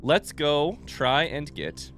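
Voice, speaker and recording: Faint music plays behind a man whose slightly high voice has a sing-song lilt, a fairly bright tone, and a slow pace. Playing a game blind on stream, he offers casual, rambling commentary with mild swearing, his voice affected by illness.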